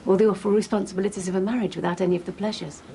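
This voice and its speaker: A woman's voice: mid-range voice, steady tone, racing, creaky, mellow, close to an everyday voice. An actress playing a tactful but probing confidante in a naturalistic TV soap, a woman, with slight noise behind. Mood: gently probing. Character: gently prying woman confidante. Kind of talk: naturalistic TV soap drama acting.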